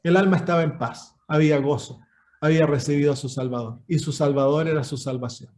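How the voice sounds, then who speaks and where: A man's voice: fairly high pitch, fairly quick, darkish tone. A male pastor giving an earnest Bible study, often repeating words as he searches for them.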